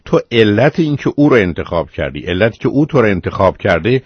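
A man with a husky, slightly breathy voice hosts a call-in advice program. He lectures patiently but firmly, pressing his points home. The sound is dry and muffled like an old broadcast. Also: on the low side, very animated, dry recording. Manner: lecturing, patient but firm, calls caller 'dear'. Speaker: radio advice host.

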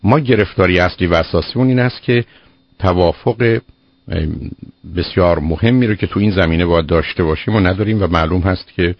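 A man's voice: low voice, no echo. A man hosting a call-in advice show on the radio, firm and lecturing, cutting in on the caller. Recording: dull lo-fi radio broadcast.

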